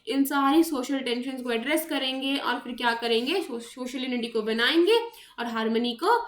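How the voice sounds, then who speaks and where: A woman's voice: high voice, a bit bright. A woman with an Indian accent giving an online lecture for civil services exam students, mixing English into her explanations and checking in often with her class. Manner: mixes English into explanations, keeps asking "ठीक है?". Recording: roomy echo.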